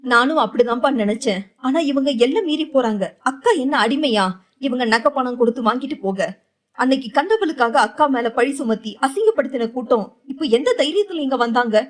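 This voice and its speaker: A woman voicing a fierce, outspoken young woman in an audio novel, giving sharp, defiant retorts. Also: high voice, animated, fairly quick.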